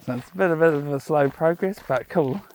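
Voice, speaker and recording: A man's voice: a little high, a little mellow. Easygoing man with a broad Kiwi accent. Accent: broad New Zealand. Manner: easygoing, rambling. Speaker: vlogger walking his dog. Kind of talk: casual chat to camera. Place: outdoors on a park trail. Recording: noisy outdoor recording with clicks.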